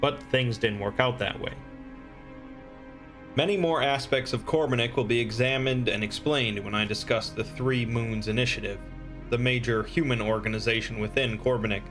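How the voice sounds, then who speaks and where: A man reading scripted explainer narration in a measured, expository manner. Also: mid-range voice, fairly even intonation, fairly bright tone, faint music behind.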